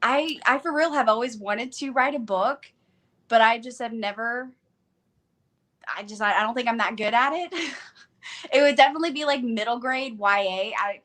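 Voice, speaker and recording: A woman in her thirties speaks in a fairly high voice with an Arkansas Southern twang. She is chatty and enthusiastic, talking casually as a co-host on a live stream. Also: moderate pace, fairly bright tone. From Arkansas, United States. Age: 30s. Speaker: online book channel co-host.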